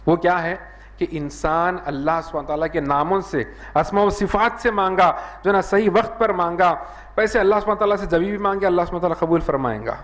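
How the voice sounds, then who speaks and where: A man preaches with a Hyderabadi Urdu accent in a voice that sits a little high for a man. He talks earnestly and keeps returning to a habitual filler phrase. He raises his voice sharply when he acts out the dialogue in his stories. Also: a bit bright. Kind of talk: sermon.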